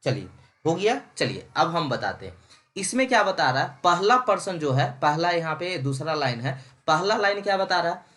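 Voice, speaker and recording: In this recorded Hindi-English online lecture, a young engineering teacher speaks in a fairly high, bright and very lively voice. He drops English terms into his explanations, reads the English lines slowly, and keeps checking in with his students through a repeated "ठीक है".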